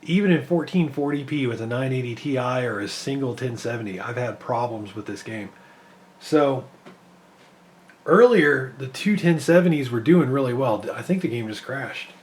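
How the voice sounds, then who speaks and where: A man with a voice worn from losing it talks over his gameplay in a loose, rambling way. His pitch sits in the middle, and he thinks out loud as he checks frame rates. It is casual commentary, full of fillers and restarts. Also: animated, normal speed, a little hiss or hum. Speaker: PC gaming benchmark creator.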